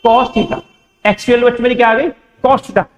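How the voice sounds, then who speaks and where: In an echoey room with long reverb, a young man with an Indian accent teaches a board-exam math lesson, putting questions to the class and then answering them himself. His voice is extremely high, his tone steady, and his pace fairly quick. The audio sounds dull.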